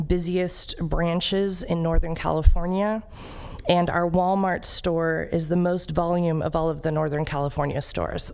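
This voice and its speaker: A woman's voice: low-pitched, creaky, a little mellow. A woman representing a business district, giving an upbeat, proud presentation with fillers to a county board in a meeting chamber at a podium microphone. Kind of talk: public presentation at a government meeting.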